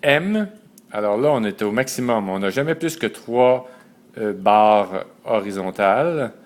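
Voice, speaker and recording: Guy teaching letters one at a time, low voice, really slow and careful. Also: lively intonation. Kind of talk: step-by-step lesson.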